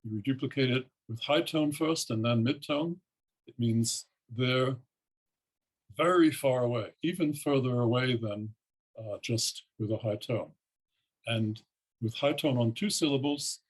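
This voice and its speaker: An older man giving an academic keynote lecture, explaining in a measured way with frequent pauses and ums. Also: mid-range voice, slightly rough, low-quality recording. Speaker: keynote speaker, linguistics professor.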